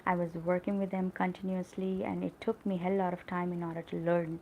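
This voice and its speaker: A middle-aged woman speaks with an American-tinged accent in an earnest, encouraging live stream on learning English. Her voice sits on the low side with a gravelly fry, and a faint hiss runs under it. She often stops on fillers like "uh" and "you know". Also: flat delivery, fairly quick, phone-quality sound. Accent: American-tinged English learned in call centers. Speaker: English teacher. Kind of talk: live-stream motivational talk.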